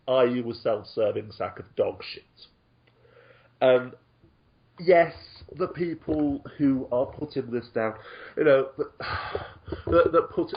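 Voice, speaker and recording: A man's voice: medium pitch, highs cut off. A man talking on an online show, sarcastic and indignant, swearing freely as he rants. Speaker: guest commentator. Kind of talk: casual online talk show discussion.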